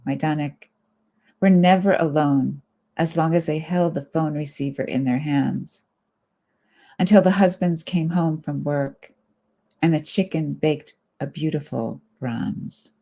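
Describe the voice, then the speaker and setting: A middle-aged woman reads her poems aloud in a low, gravelly voice. She is reflective and unhurried, with some asides between poems. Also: warm tone. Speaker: poet. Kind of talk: poetry reading.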